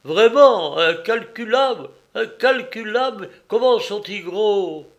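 Man voicing a hungry, excitable gourmand. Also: a little high, extremely slow, gravelly, muffled recording, exaggerated voice. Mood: excited. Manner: exclaiming, eager questions. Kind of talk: audiobook character reading.

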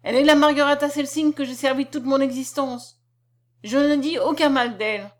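A woman's voice: a little high, unhurried, fairly bright tone. A woman roaring as a huge furious old drunken captain. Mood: drunken pleading. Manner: roaring, blustering, then pleading.

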